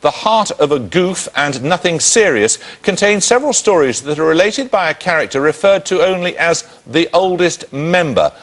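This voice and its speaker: A man hosts a television quiz, his voice pitched a little high. He reads each question in a brisk, crisp way and keeps the contest moving. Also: animated. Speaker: quiz show host. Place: television studio.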